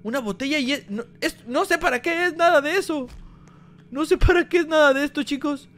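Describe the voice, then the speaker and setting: A man giving energetic gameplay commentary, talking straight to his viewers. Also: extremely high pitch, a little fast. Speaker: gaming YouTuber.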